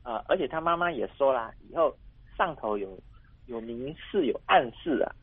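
Male tour guide, husky and chatty, heard over a phone line. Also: mid-range voice, animated, no room sound. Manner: chatty, many drawn-out particles. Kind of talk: interview clip.

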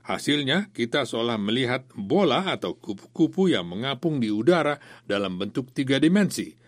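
A man's voice: mid-range voice, big pitch swings, normal speed, no room sound. A man reading scripted news narration as a reporter.

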